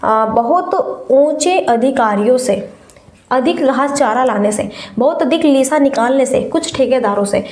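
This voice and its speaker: A woman with a high voice teaches an exam-prep class, explaining patiently and repeating the words she wants to stress. Her tone is mellow and a little tired from a fever, and the sound rings with the echo of a room. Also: expressive, a little slow.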